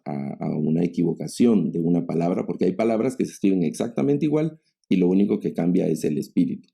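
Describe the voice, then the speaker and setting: A man's voice: deep voice, vocal fry, mellow, husky. A man giving a Greek grammar lesson, speaking in a patient, explanatory way and addressing his students directly. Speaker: Greek teacher. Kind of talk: online class lecture.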